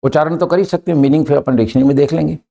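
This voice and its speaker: Mellow-voiced man teaching pronunciation. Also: fairly high pitch, very fast. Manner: patient, repeats key points, checks in with "clear?" and "right?". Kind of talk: explanatory lesson mixing Hindi and English.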